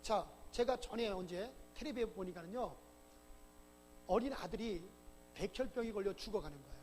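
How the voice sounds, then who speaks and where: Male pastor, very high voice, emphatic sermon full of rhetorical questions, long church-hall reverb. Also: expressive, normal speed, darkish tone, soft background music. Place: church sanctuary.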